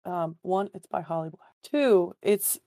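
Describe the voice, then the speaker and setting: Hoarse woman podcaster with a lowish voice. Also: lively intonation, measured pace, dark tone, dry recording, clean studio sound. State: hoarse, getting over a cold. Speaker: podcast co-host. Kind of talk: casual book discussion.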